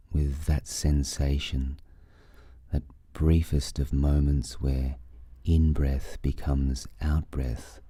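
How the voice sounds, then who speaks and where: Very deep, slow, dark-voiced man guiding meditation. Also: dry recording. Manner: soothing, unhurried instruction with long pauses. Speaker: meditation guide. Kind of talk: guided breathing meditation.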